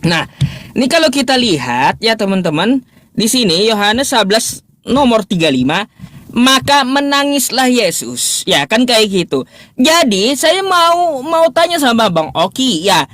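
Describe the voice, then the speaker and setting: Man, debate questioner, casual livestream, lively swooping pitch, mocking incredulous tone, thinks aloud. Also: unhurried. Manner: animated pitch swings, thinks aloud while searching notes.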